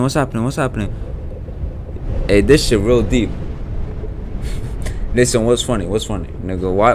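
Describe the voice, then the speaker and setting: A young man giving casual let's-play commentary on a horror game, jumpy and swearing, his voice jumping high when scared. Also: background noise. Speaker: gaming YouTuber.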